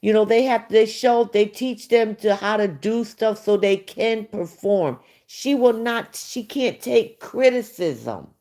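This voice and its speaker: A woman's voice: medium pitch, lively intonation, takes it slowly, few pauses, warm tone. A woman hosting a livestream, giving casual gossip commentary in a blunt, profane way and talking back to her viewers. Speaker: livestream host.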